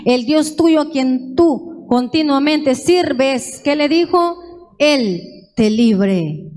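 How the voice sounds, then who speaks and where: Woman church speaker, unhurried sermon pace, reads verses and quizzes the congregation. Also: on the high side, mellow. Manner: reads scripture aloud with asides and questions to the congregation. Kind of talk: slow Bible-reading sermon.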